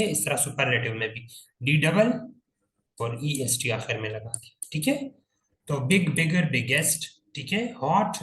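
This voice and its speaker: Male grammar teacher, slow and methodical, spells words out and checks understanding; recorded in a roomy, echoing space. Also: on the high side, sharp tone. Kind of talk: classroom grammar lesson.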